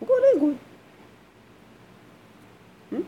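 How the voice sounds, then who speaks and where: A man's voice: a little slow, highs cut off, a little hiss or hum. A middle-aged man with a Moroccan Arabic accent, teaching a grammar class and pressing students with questions. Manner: questioning students, switching to colloquial.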